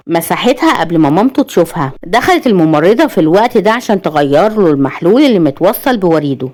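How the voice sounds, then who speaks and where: A woman with an Egyptian accent reading a dramatic story aloud as a storyteller. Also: lowish voice. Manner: quick, lively narration voicing many characters.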